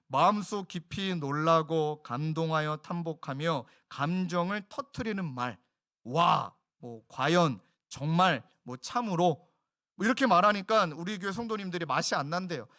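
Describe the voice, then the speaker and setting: A male pastor delivers a Sunday sermon, with his voice sitting a little high for a man. He speaks earnestly and conversationally, turning straight to the congregation and sometimes acting out the words of others to drive a point home. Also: bright, forceful tone. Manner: earnest, conversational preaching that addresses the congregation directly; drops into quoted voices for emphasis. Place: church service.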